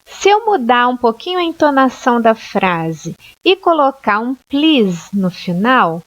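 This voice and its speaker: A Brazilian woman teaching an English lesson, explaining grammar slowly and clearly and often checking with "ok?". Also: a little high, sing-song, a bit bright. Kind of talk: online language lesson. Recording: dull lo-fi sound.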